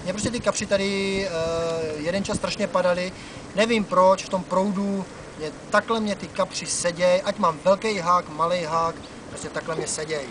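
With a high-pitched, steady voice, a thirtysomething man from the Czech Republic talks fishing in a relaxed way to his camera, frequently filling pauses with "eh." This angler-vlogger stands on a wooden dock along a wide river, recorded outdoors by a camera mic several meters off with background noise.

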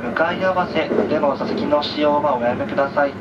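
Over the carriage speakers, a man working as a train conductor makes a very polite, formal announcement, going through the stations one by one at a measured pace. Recorded on a handheld camera, the PA comes across muffled and distant, with loud rumble and carriage noise all around.

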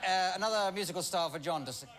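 A man's voice: high voice, rapid-fire, background noise. A man hosting a comedy panel show with dry, giggly, rambling asides. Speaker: game show host.

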